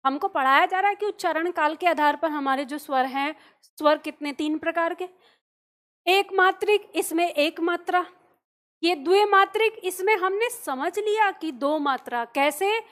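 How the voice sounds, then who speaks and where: A woman with a high voice teaches grammar in a video lesson. She keeps putting rhetorical questions to the viewer and stretches out vowel sounds to show how they are said. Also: moderate pace, fairly bright tone. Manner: draws out vowel sounds to demonstrate them.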